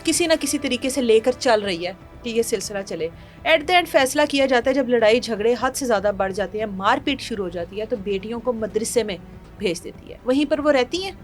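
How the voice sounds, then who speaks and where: A woman's voice: on the high side, lively intonation, faint music behind. A woman from Pakistan presenting a news show, retelling a crime case in an indignant, moralizing way and acting out quotes. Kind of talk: emotional crime story retelling.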